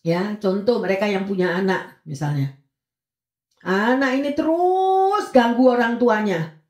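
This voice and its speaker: A woman pastor giving a sermon in a lively way, often switching her pitch up and down as she acts out voices. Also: unhurried, roomy sound. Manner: lively, swings between high and low pitch, acts out children and prayers.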